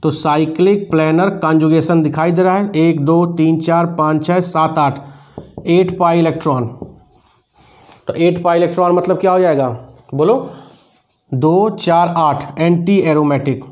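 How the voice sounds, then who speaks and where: High-voiced Hindi chemistry teacher drilling. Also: male voice, fairly even intonation, unhurried, darkish tone. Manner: counts aloud step by step, drills students with questions. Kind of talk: whiteboard lecture.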